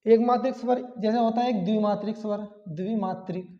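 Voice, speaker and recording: A man's voice: high-pitched, fairly even intonation, fairly quick, mellow. A man teaching an exam-prep grammar lesson, repeating key terms and asking rhetorical questions. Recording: echoey, dull lo-fi classroom sound.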